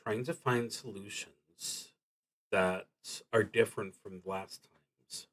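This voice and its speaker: Thinking his way through a solo tabletop roleplaying game, a man reads prompts aloud and hesitates over his ideas with long, considered pauses. His voice is on the low side, fairly bright, with fairly even intonation.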